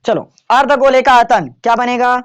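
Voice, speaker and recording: A man's voice: very high voice, moderate pace, smooth. A man teaching a maths lesson to students in a classroom, in a casual way, often checking whether they have understood.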